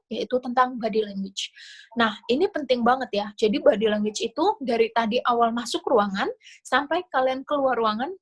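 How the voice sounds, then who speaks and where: A woman's voice: a little high, a bit bright. Chatty woman coaching on a video call. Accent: Indonesian. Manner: casual, chatty explaining with fillers. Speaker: scholarship interview coach. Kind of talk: online class talk.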